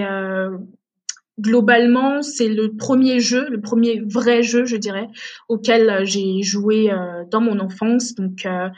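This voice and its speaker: A woman in her late twenties, from Togo and raised in Benin, talking as a podcast guest with many fillers and restarts. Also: medium pitch. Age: late 20s. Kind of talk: casual podcast interview.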